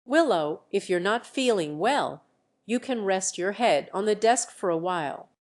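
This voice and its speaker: A woman voicing a concerned, gentle old male teacher. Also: mid-range voice, animated, a little slow, natural voice. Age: older.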